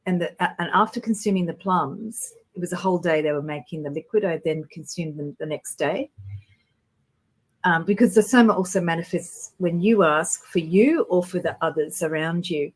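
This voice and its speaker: A woman's voice: on the low side, normal speed, slightly rough. Earnest woman telling spiritual stories. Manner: earnest, animated storytelling. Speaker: guest intuitive. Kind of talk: casual spiritual chat.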